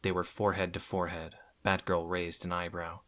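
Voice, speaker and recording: A man with a fairly low voice narrates an adventure audiobook in a measured way. He softens toward the ends of his phrases. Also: flat delivery.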